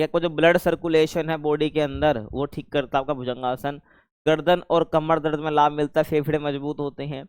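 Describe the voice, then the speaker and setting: A man's voice: fairly high pitch, clean tone, no room sound. A man teaching a class in a casual, chatty way, often checking whether students follow. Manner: chatty, keeps checking understanding, calls students 'bhai'.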